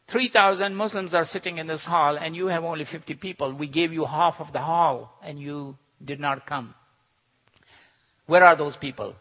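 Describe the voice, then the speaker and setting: A man puts on a confident male debater, louder and higher, throwing down a challenge. The sound is dull and rings with a long hall reverb.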